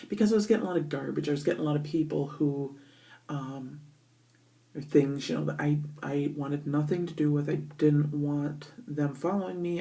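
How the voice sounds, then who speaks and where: A woman's voice: deep voice, gravelly, dark tone. A middle-aged woman vlogging in a bathroom with an echo, chatting casually with lots of ums and asking her viewers for feedback. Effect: echoey bathroom sound. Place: bathroom on a business trip.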